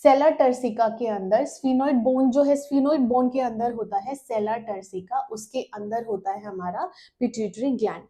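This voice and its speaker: A woman teaching a lecture, her voice pitched a little high but mellow and soft-edged. She walks through diagrams step by step, poses questions and answers them herself, and slows right down whenever she reads out English terms. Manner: reads English lines slowly and mixes English terms into her talk.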